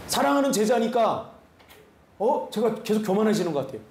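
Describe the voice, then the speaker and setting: A male pastor giving an animated sermon full of rhetorical questions to his congregation. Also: high voice, brisk, reverberant, a little hiss or hum. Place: church sanctuary.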